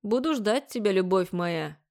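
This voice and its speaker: A woman's voice: mid-range voice, lively intonation, unhurried, gravelly, a little mellow. A woman reading an audiobook, voicing a cocky, pushy young man who is bossy and mockingly sweet. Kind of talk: audiobook character voice.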